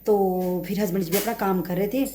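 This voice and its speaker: A woman's voice: medium pitch, fairly even intonation, brisk, warm tone, a little hiss or hum. A woman chatting casually in a home cooking vlog, rambling with many fillers and restarts, recorded on a phone in her kitchen. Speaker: vlogger.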